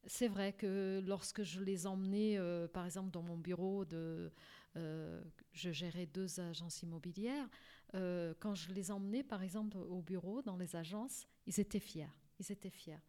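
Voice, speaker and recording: A middle-aged woman from Portugal, recounting her life in a halting interview with many fillers and restarts. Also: on the low side, fairly even intonation, mellow. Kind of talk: personal life story interview.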